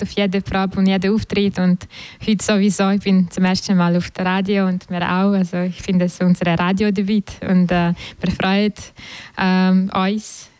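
A woman's voice: medium pitch, darkish tone, clear, resonant tone, no room sound. A young woman from Ukraine, a violinist guest on live radio, speaking German earnestly with slightly phrasing.

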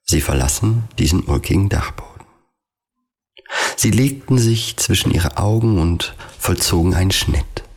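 A man reading a surreal literary story aloud in a measured, deliberate storytelling manner. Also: low voice, darkish tone, breathy edge. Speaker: narrator.

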